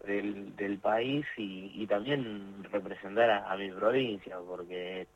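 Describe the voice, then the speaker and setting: A man's voice: fairly low pitch, fairly even intonation, takes it slowly, highs cut off. A young man with an Argentine accent, answering interview questions about his sport, hesitant with many fillers and restarts. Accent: Argentine Spanish. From Tierra del Fuego, Argentina. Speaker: jiu-jitsu competitor.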